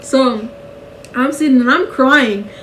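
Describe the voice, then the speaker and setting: A young woman telling a story in a casual vlog, animated and slangy and laughing often. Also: high voice, slow pace, far from the mic, low-quality recording. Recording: voice a bit off-mic with faint noise.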